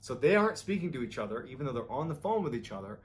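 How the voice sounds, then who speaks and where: A man's voice: big pitch swings, racing, a little hiss or hum. A man hosting a storytelling show, narrating a true story in a conversational way and acting out the lines of the people in it. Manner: conversational, acts out quoted lines with rising pitch. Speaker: storyteller host.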